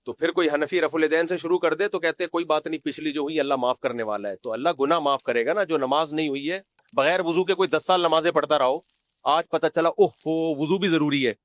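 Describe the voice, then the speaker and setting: An Islamic scholar gives a religious lecture in a fairly high voice, recorded with no room sound. He is scolding and sarcastic, reciting Arabic quotations and mimicking the people he criticizes.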